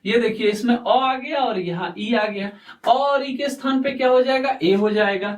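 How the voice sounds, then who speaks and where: A man teaching a lesson, speaking slowly and repeating himself, often asking questions and answering them himself. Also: very high-pitched. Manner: slow, repetitive, quizzing himself aloud. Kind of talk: explaining a lesson at a board. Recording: echoey room, voice far from mic.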